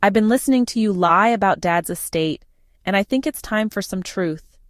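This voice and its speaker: A woman's voice: medium pitch, moderate pace, no room sound, studio quality, close to an everyday voice. A woman reading the lines of a grim, blunt middle-aged aunt who is a nurse, in a storybook reading. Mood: calm.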